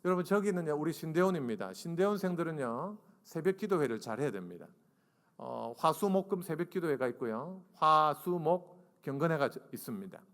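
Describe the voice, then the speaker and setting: A man in his forties preaches in a church hall with a long reverb. He tells stories with a lively, wide-ranging pitch. He acts out dialogue and asks the congregation to raise their hands. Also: fairly quick. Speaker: guest preacher and seminary professor. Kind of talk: humorous storytelling sermon. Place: church sanctuary.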